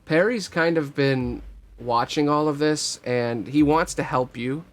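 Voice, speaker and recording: A man's voice: on the high side, a little slow. A man narrating a tabletop game as game master, telling the story casually with lots of fillers.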